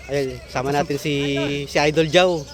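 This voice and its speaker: A man's voice: a little high, fairly even intonation, normal speed. A man from the Philippines hosting an outdoor fishing vlog, casually greeting viewers as idols while introducing his crew. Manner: greets viewers as idol, shouts and cheers at big catches. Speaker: fishing vlogger host. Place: outdoors by a flooded field. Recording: outdoor noise behind, rural ambience.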